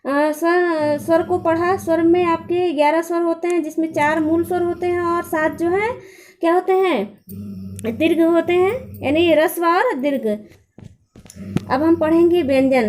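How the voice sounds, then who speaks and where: A woman's voice: very high-pitched, steady tone, moderate pace, a little mellow. A woman teacher explaining a grammar lesson patiently, asking questions aloud and answering them herself.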